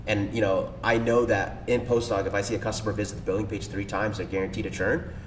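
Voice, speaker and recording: This man, a podcast guest who runs a cold email agency, has a flat delivery and speaks fast. He is casual, excited and full of slang and fillers, recorded on a far-off mic in an echoey room with faint rumble.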